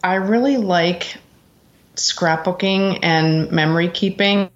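Speaking slowly in a lowish voice, a middle-aged American executive assistant gives thoughtful, sincere answers as a guest in a conversational interview. The audio has a dull, lo-fi quality.

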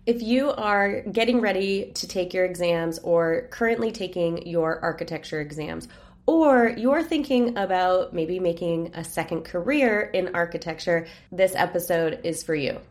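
A woman's voice: fairly low pitch, faint music behind. Upbeat woman hosting a podcast. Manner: upbeat, chatty, quick bursts of speech. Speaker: podcast host. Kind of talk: casual podcast interview.

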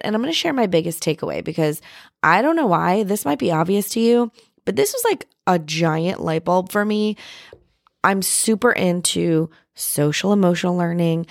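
A woman in her thirties talks candidly through a solo podcast episode in a lowish voice with a gravelly fry. She rambles in a relaxed, reflective way, full of "like" and "um". The sound is close and dry. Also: dry recording. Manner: chatty, reflective, heavy use of "like" and "um"; candid, with occasional swearing. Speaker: podcast host. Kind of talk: casual solo podcast chat.

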